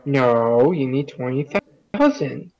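A man's voice: medium pitch, lively intonation, slow pace, gravelly, a little mellow, muffled recording. A man playing a co-op game, bantering and teasing in a contrary, joking way. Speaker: gamer. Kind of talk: co-op gameplay chat.

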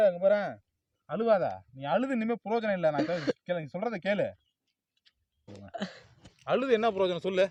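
A high-voiced man rattles off a heated scolding at a fast clip, loud and insistent. He keeps repeating himself as he lectures a friend out on the road. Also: no room sound, muffled recording. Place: on a road outdoors.

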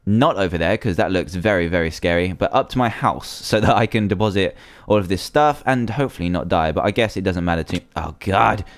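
A man's voice: sits low, a little fast, few pauses, no room sound. Nervous young man narrating gameplay. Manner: nervous, chatty, easily panicked. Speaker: gaming video creator. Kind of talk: casual gameplay commentary.

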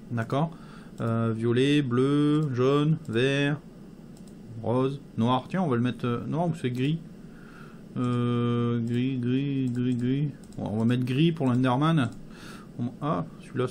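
A man's voice: medium pitch, darkish tone, slight background noise. A man giving let's play commentary, thinking aloud as he builds, with many hesitations and fillers. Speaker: gameplay commentator.

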